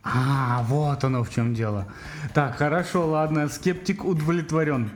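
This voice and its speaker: A man's voice: on the high side, steady tone, normal speed, slight background noise. A man hosting a radio chat show, joking and teasing his guest and prompting her along. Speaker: radio host.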